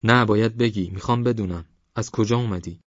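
A man's voice: fairly low pitch, no room sound, voice pushed up, natural voice. A man voicing a frightened old wandering dervish, pleading in a raised, fearful voice. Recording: dry, slightly dull recording.

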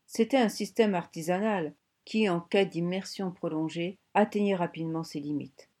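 Woman, audiobook narration, low voice, mellow tone, measured pace. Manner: measured, storytelling. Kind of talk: scripted narration.

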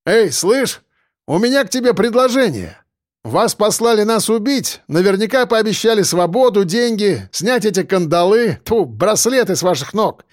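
A bold young survivor, as a male narrator puts him on, firing back blunt, defiant answers. The voice is raised and very animated, and it sits close and dry with no room around it. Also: sits high, normal speed, no echo, pitched above the performer's own voice. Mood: pressing. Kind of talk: audiobook character voice.

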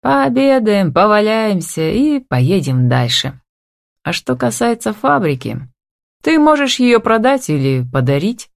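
A woman's voice: medium pitch, very animated, measured pace, creaky, dry recording, pitched above the performer's own voice. A woman reading an audiobook and voicing a confident, wealthy businessman who teases and gives orders in a drawling, playful way, recorded dry and close.

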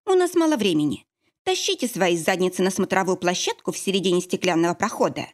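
A woman's voice: lowish voice, lively intonation, fast talker, lightly acted. A woman reading an audiobook, voicing a fierce young heroine who snaps and growls orders. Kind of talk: audiobook character voice.

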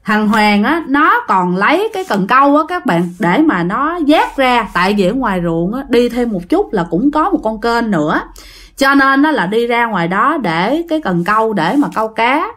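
A woman's voice: fairly high pitch, big pitch swings, moderate pace, a bit bright. A woman telling a ghost story in a chatty, rambling way. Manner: chatty, rambling, filler-heavy. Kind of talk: casual ghost-story narration.

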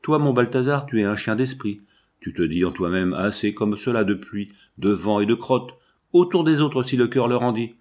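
A man reading a storybook and voicing a cocky teenage boy with a raspy voice, breezy and mock-ceremonious. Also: mid-range voice, expressive, normal speed, darkish tone, lightly acted. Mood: cheeky.

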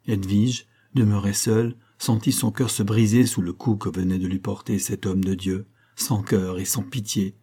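A man narrating a literary audiobook with a measured, expressive delivery. His voice sits low, with a mellow, warm tone and a husky grain.

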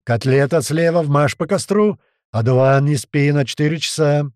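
A man voicing a rough, profane squad commander who shouts crude orders in battle. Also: a little high, normal speed, dry recording, studio quality, lightly acted. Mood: yelling orders.

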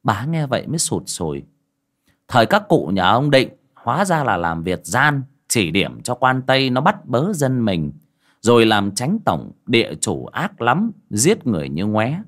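A man narrating a ghost story audiobook with expressive storytelling. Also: mid-range voice, unhurried. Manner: storytelling with expressive rises and falls. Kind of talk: scripted narration.

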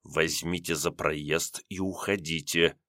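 A stern plainclothes policeman, voiced by a male narrator, speaks in short, clipped commands. His voice sits low and hard. The recording is dry and close. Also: normal speed, fairly bright tone, no room sound. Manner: curt, stern.

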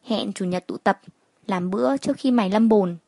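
A woman's voice: mid-range voice, normal speed, creaky, dark tone, no echo. A woman voicing a blunt, chatty young wife talking familiarly with a friend.

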